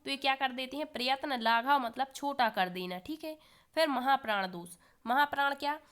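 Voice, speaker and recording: A woman's voice: high voice, normal speed, fairly bright tone, clear, resonant tone. A woman teaching an exam-prep lesson who keeps putting questions to the learners and then answering them herself, with a cough now and then.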